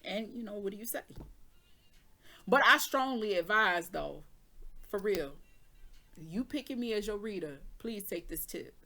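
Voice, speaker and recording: A mother gives a casual tarot reading in a medium-pitched, bright, forceful voice, animated yet unhurried with long pauses. She's candid and jokey, laughing often and swearing mildly now and then.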